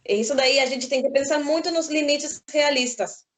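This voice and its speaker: Calm high-voiced woman. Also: moderate pace. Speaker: guest, psychologist. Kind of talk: panel discussion on parenting.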